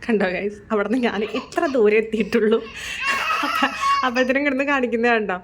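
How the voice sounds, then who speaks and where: A young mother from Kerala chats quickly through her day in a casual home vlog and keeps tagging her sentences. She sounds like she is recorded on a phone in her bedroom. A clear hum of room ambience runs under her voice. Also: a little high. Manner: chatty, often adds "you know" tags. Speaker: vlogger and mother of a baby. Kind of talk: casual daily-life vlog.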